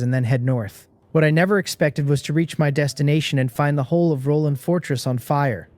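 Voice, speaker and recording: A man narrating a first-person adventure story in a steady, even, scripted delivery. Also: a little high, no echo.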